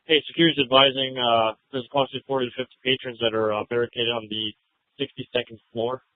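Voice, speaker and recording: A man giving a halting procedural report over police radio on a narrowband scanner feed. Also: mid-range voice, fairly even intonation, no echo.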